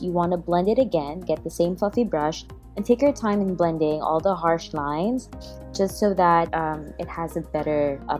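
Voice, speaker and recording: A beauty vlogger with a lowish, slightly mellow voice narrates a casual makeup tutorial, chatty and self-deprecating. Music plays in the background.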